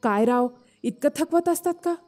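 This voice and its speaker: A woman's voice: high voice, animated, normal speed, a little mellow, faint music behind. Woman doing an impatient young village man. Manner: pleading, impatient calling out.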